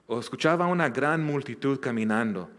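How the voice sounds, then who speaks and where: A male pastor giving a verse-by-verse Bible lesson, at a middle, ordinary pitch. He speaks earnestly, stumbling and restarting his words as he goes. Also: expressive, brisk, a bit bright. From Southern California. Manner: earnest, with many restarts and repeated words, acting out quoted lines.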